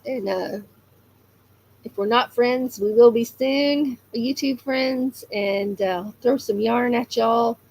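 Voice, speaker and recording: This crafting livestream host chats easily and reads viewer comments out loud, her voice a little hoarse from allergies, peppered with fillers and frequent laughter. She speaks slowly in a slightly high, darkish voice, and the audio quality is poor.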